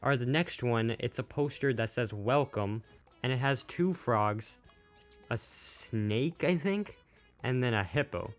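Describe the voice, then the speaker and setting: Speaking slowly but with animation, a man of medium pitch hosts a YouTube game news video. His commentary is casual and improvised, plainly worded and a bit hesitant, and music can be heard behind his voice.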